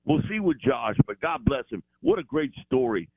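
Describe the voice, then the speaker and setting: Animated man on a tinny phone line. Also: mid-range voice, moderate pace, vocal fry, husky, no echo. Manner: animated, rambling with fillers. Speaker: football analyst guest. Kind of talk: phone-in sports analysis.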